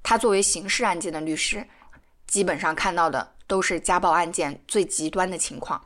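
A woman narrating a documentary podcast, telling a case calmly in a scripted way. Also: on the low side, moderate pace.

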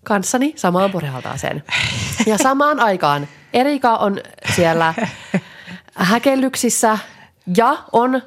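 A woman co-hosting a podcast, telling a story in an animated way, with loud bursts and low muttered asides. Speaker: podcast co-host. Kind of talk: casual chat.

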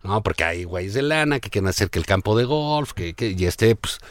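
A man's voice: lowish voice, animated, fairly quick, no room sound. A man with a Mexican accent co-hosting a casual political chat, easygoing and agreeable. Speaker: co-host.

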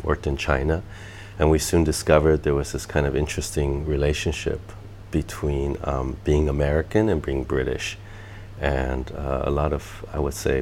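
A man from Taiwan, an architect guest, speaking hesitantly with many pauses and fillers in an office interview. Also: a bass voice, darkish tone, a little hiss or hum. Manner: hesitant, halting, many ums and uhs. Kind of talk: casual interview conversation. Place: university office.

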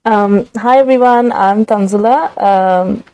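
A woman's voice: mid-range voice, slow, darkish tone, clear, resonant tone, no room sound, lo-fi sound. A woman from Kashmir with a Kashmiri accent, answering interview questions in an emphatic, explanatory conversational way. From Srinagar, Kashmir. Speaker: guest researcher being interviewed.

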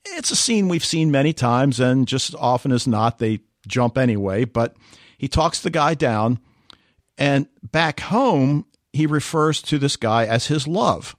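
Podcast guy chatting about tv shows, animated, dry mic. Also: mid-range voice, measured pace, no echo. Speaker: podcast co-host. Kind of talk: casual podcast chat.

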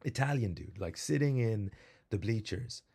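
A man hosting a podcast, telling a rambling, animated story with plenty of fillers before reading out some background. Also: on the low side, normal speed, vocal fry, slightly rough. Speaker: podcast host. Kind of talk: casual storytelling monologue.

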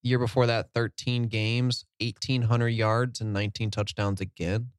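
A man co-hosting a casual sports podcast, relaxed and sprinkling in "like" as he reels off stats. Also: medium pitch, normal speed, clear, resonant tone, no echo, clean studio sound. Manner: relaxed, fills with "like", lists stats. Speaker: podcast co-host.

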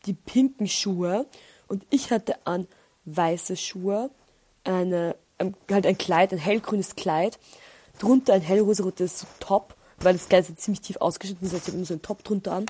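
A woman's voice: medium pitch, breathy edge. Chatty young woman with an Austrian accent. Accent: Austrian German. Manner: chatty storytelling with animated rants. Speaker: podcast host. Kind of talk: casual chat.

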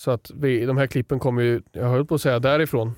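A man's voice: medium pitch, steady tone, dry recording, studio quality. A young man co-hosting a Swedish podcast, playful and jokey in casual chat. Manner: playful, quick to shout and laugh. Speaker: podcast co-host.

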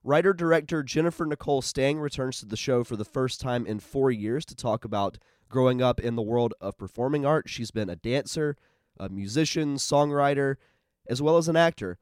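A man's voice: mid-range voice, moderate pace, smooth, dry recording. A male podcast host who sounds stuffed up and nasal from a cold. He talks in a chatty, upbeat way, recorded close and dry with no room sound. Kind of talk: casual podcast interview.

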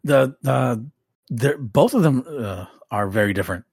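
Chill podcast guy, halting and amused, mid voice, dry sound. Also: mid-range voice, animated, creaky, a little mellow, breathy edge, no room sound. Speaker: podcast co-host. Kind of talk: casual chat.

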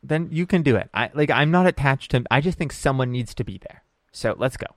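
A man playing a tabletop game, speaking bluntly and low-key. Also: lively intonation, brisk, dry recording, clean studio sound. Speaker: player.

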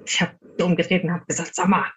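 Speaking fast with a lowish voice and flat delivery, a guest paranormal investigator shares casual stories, performing the quoted lines of dialogue as she goes.

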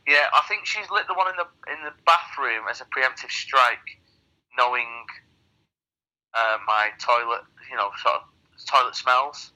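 The co-host, suffering from a cold, phones into the podcast and is heard over a speaker as he rambles and trades crude jokes. He speaks unhurriedly, his mid-range voice bright and forceful.

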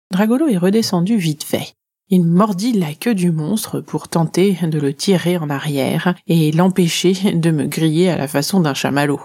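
A woman narrating a children's adventure in the first person, reading in a lively, expressive way. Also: lowish voice. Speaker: storyteller.

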